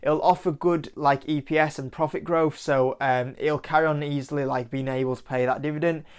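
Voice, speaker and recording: Smooth-voiced Yorkshire man chatting stocks. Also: on the high side, steady tone, brisk. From Yorkshire, England. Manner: loose, chatty, leans on "like" and "kind of". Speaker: investing channel host. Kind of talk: casual stock-picking talk to camera.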